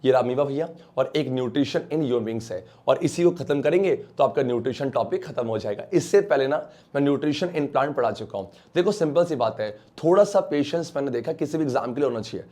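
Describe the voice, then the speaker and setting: An Indian man teaches an online science lecture, coaxing students with quick questions he then answers himself and calling them beta and bachcha. English technical terms keep slipping into his speech, delivered in a warm, expressive, mid-range voice.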